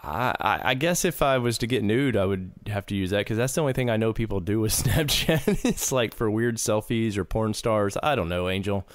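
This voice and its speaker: Low-voiced man rambling on a podcast. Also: moderate pace, few pauses, dry recording, studio quality. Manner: rambling, filler-heavy. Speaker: podcast host. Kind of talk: casual chat.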